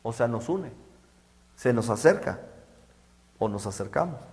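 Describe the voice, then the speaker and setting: A middle-aged man preaching a sermon, halting and repeating words as he goes. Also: mid-range voice, animated, darkish tone. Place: church hall. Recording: echoey church hall.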